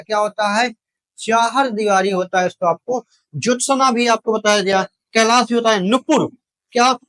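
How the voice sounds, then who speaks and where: Guy with a high voice teaching exam spellings, keeps asking what is it and repeating it back. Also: fairly bright tone. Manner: keeps asking rhetorical questions and repeating the answers; addresses viewers directly, calls them brother. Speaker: Hindi exam-prep teacher. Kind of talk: spoken lesson, drilling spellings.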